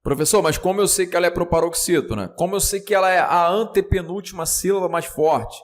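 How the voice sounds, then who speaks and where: A man with a Brazilian Portuguese accent voicing a puzzled student who quickly asks the teacher questions. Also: high-pitched, pitched above the performer's own voice, natural voice. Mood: questioning.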